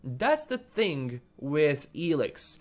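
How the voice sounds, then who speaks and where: A man's voice: fairly high pitch, big pitch swings, very slow. A man from Bosnia, hesitantly reviewing a game and answering viewer comments, full of fillers and repeated words. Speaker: gaming YouTuber.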